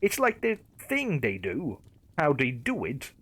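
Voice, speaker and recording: A man's voice: mid-range voice, wildly swooping pitch, a little slow, fairly bright tone, breathy edge, dry recording, exaggerated voice. A man voicing a blunt, teasing young woman on a diner date in a creepypasta narration.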